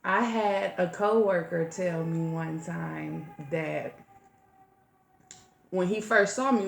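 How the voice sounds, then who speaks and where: A woman's voice: fairly low pitch, vocal fry, slight background noise. A woman co-hosting a podcast, telling a story in a laid-back, profane way, trailing off and starting over. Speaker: podcast co-host. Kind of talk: casual storytelling chat. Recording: echoey room.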